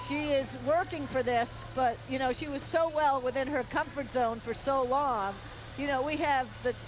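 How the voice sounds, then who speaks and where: A woman giving conversational live commentary as a race analyst. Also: sits high. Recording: broadcast with clear ambient noise.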